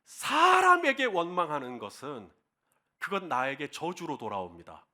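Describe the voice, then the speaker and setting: Bright, animated Korean pastor preaching. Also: male voice, sits high. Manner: leads the congregation in call-and-response scripture reading; impassioned, acts out quoted cries. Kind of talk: sermon.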